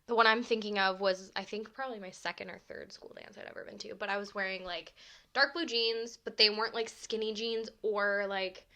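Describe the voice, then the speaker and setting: A woman's voice: medium pitch, steady tone, fairly quick, bright, forceful tone. A woman in her twenties co-hosting a podcast, chatting casually with lots of "like" and laughs. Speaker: podcast co-host. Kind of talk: casual chat.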